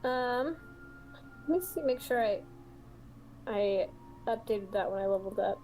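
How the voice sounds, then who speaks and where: A woman's voice: medium pitch, animated, unhurried, darkish tone, soft background music, rough recording. A woman playing in a tabletop game, describing her character at length with giggles. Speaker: player. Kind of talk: casual tabletop play.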